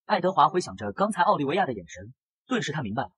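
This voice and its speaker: A man narrates a comic story recap in a brisk, scripted style, talking very fast. His voice is breathy and husky, with lively pitch. The sound is dry and close to the mic. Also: no echo.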